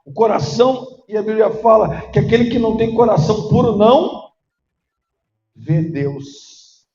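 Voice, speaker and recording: A male pastor preaching a sermon, emotional and at times rising to shouting. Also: sits high, a little slow. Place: church. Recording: muffled echoey church hall.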